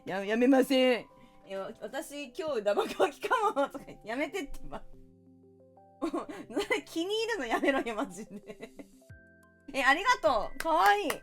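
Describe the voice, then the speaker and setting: A woman's voice: sits high, very animated, normal speed, a bit bright, soft background music. A woman streamer chatting casually while playing a party game, playful and teasing with mock-indignant outbursts.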